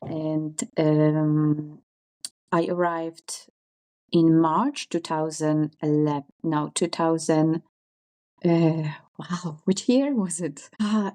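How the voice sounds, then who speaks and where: A woman, telling her life story as a podcast guest, pausing often with fillers and self-corrections. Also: sits low, fairly even intonation, mellow. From Poland. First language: Polish. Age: 40s. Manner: thoughtful, pauses with many fillers and self-corrections. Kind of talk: interview storytelling.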